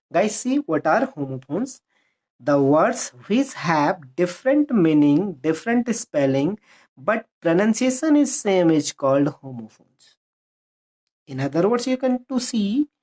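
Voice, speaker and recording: A woman with an Indian accent teaching terms for an exam. She drags out English definitions slowly, explains faster in Hindi, repeats key words and asks rhetorical questions. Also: on the low side, warm tone. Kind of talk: exam-prep lesson.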